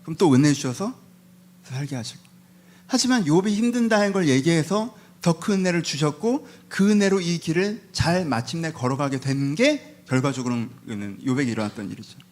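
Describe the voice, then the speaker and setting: A male pastor preaching a conversational sermon, acting out Job and his friends and asking the congregation questions. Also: high-pitched. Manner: animated, acts out Job and his friends in voices.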